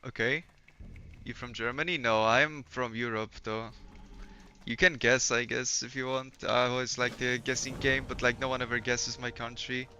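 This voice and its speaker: Here the Polish streamer's medium-pitched voice comes across flat and sharp at a normal pace. He's a young man chatting casually and swearing freely with his audience during a game, recorded with somewhat dull lo-fi sound.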